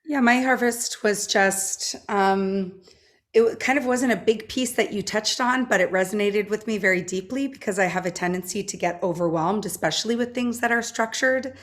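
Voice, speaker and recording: A woman's voice: medium pitch, normal speed. A woman taking part in a webinar, sharing her reflections thoughtfully, with hesitant starts. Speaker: workshop participant.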